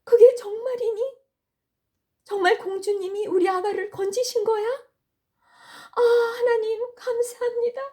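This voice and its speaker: A woman as a tearful, high-pitched devout mother. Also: steady tone, unhurried, darkish tone, recorded from a distance. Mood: overjoyed, tearful. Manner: fervent, tearful pleading. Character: devout, emotional mother of a baby. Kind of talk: acted children's Bible storytelling.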